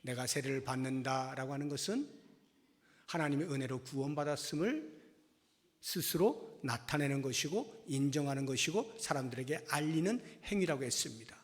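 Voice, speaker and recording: A man's voice: mid-range voice, expressive, normal speed. A man preaching a Sunday sermon as pastor, emphatic, with rhetorical questions and rising stresses. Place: church sanctuary. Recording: long church reverb.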